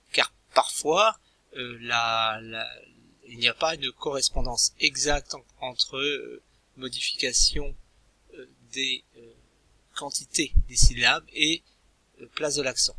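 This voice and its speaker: A man teaching a recorded language lesson, speaking in a hesitant way with frequent pauses and restarts. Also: mid-range voice, pushed and bright, dry recording. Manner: hesitant, many filler sounds and restarts.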